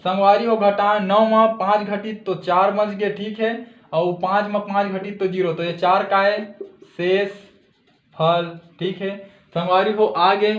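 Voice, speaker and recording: A man with a Chhattisgarhi accent explains a math lesson step by step, checking in with listeners after each step. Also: high voice. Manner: steady step-by-step explaining, frequent "theek hai" checks. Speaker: math teacher. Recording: echoey room, dull lo-fi audio.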